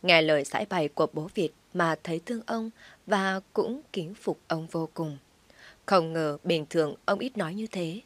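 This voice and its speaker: Low-voiced woman telling a sad story. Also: no room sound. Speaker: narrator. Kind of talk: scripted story narration.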